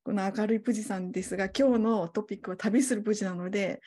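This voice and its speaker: A woman's voice: mid-range voice, steady tone, fast, dark tone, husky. A woman hosting a casual online interview, asking friendly, chatty questions. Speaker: host. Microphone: video call.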